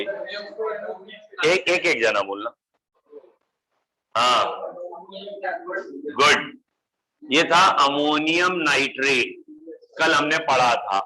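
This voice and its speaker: Bright-voiced male chemistry teacher. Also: medium pitch, a little hiss or hum, poor audio. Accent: Indian English. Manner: addresses students as beta, coaxing answers; mixes English phrases into the lecture. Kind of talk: classroom lecture.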